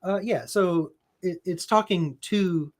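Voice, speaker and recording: A man's voice: high-pitched, slow pace. A man co-hosting a podcast, explaining things at length in a casual way and often checking in with "right?" and "you know". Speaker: podcast co-host. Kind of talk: casual conversational discussion.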